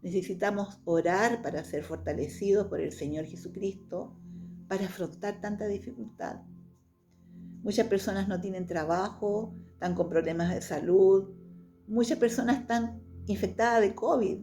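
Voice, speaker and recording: A woman's voice: mid-range voice, moderate pace, mellow, soft background music. A woman giving a devotional Bible lesson, speaking earnestly and reading scripture passages aloud between her own reflections. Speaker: Bible teacher.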